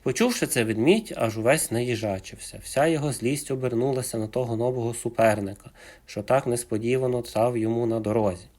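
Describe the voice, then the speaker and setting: A man narrating a folk fairy tale for children in an expressive storytelling manner. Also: medium pitch, fairly quick.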